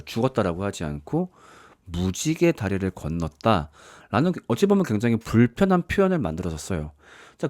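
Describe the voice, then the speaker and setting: A pastor delivers a sermon like he's telling stories over coffee, performing the voices of the characters in them. His voice is lowish and a little mellow, recorded at studio quality with no echo.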